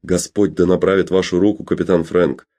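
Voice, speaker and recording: A man voicing a flattering barman who eggs a captain on, in an audiobook reading. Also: low-pitched, a little fast. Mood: goading. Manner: coaxing, egging on. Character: flattering, goading male dockside barman. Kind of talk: audiobook character voice.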